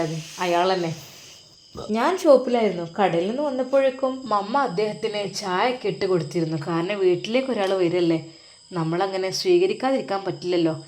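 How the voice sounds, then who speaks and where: Gentle storybook father, soothing and reassuring, Malappuram Malayalam accent, mid-pitched, as a woman reads him. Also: a little hiss or hum, lightly acted. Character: loving middle-aged father comforting his daughter. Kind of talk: storybook reading.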